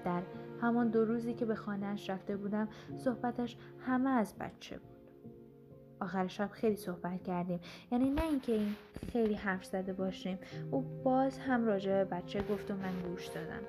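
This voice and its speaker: A woman narrates a short story in the first person, close to the mic. Her pitch sits in a middle range and her delivery is measured and earnest. Clear instrumental music plays beneath her voice. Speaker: audiobook narrator. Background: background instrumental music.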